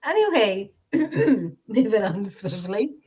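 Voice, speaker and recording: This time the Irish co-host sounds medium-pitched, very animated yet slow, a little mellow and husky. Giggly, chatty and self-deprecating, she joins a casual podcast live stream via her home computer microphone on a video call, and the call audio is dull and lo-fi.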